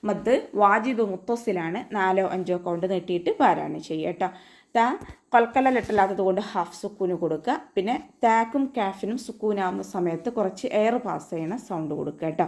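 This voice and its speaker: A woman with a Malayali accent teaching Quran recitation in an online class, explaining each letter patiently and chanting example verses slowly. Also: mid-range voice, a little mellow. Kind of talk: online tajweed lesson.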